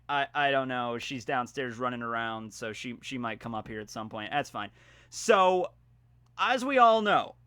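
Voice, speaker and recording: A man talking casually in a home vlog, with playful mock-grandiose announcing, theatrical emphasis and drawn-out words. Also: fairly high pitch, sharp tone, dry recording. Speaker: vlogger. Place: indoors at home.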